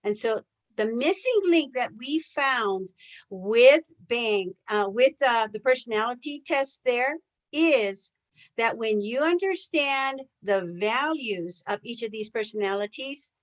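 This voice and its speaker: A woman who is a native English speaker runs a live online sales training, her voice slightly high, animated and slow. She keeps her listeners engaged by putting rhetorical questions to them.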